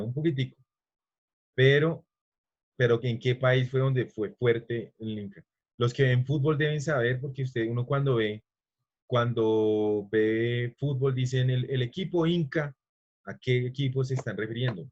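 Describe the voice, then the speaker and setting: A man's voice: mid-range voice, lo-fi sound. Rambling man teaching a class. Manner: rambling, stops to quiz students. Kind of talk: online class lecture.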